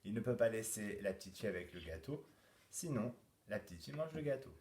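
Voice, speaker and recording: A male teacher giving a home-schooling lesson to young children, explaining a puzzle slowly and clearly, then speaking to parents. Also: fairly low pitch, lively intonation, a little mellow. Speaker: kindergarten teacher.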